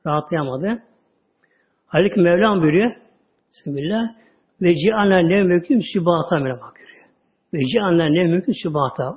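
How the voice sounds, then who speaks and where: Lively high-pitched man giving a religious talk. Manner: lively storytelling, drawn-out words, sudden drops to a low voice. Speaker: religious teacher. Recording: dull lo-fi audio recording.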